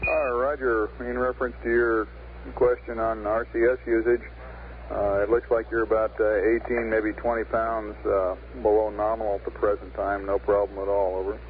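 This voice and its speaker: A man speaking as a ground communicator in astronaut radio procedure talk, halting between short technical phrases. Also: on the low side, little pitch movement. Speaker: mission control radio communicator. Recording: tinny, noisy 1960s radio link.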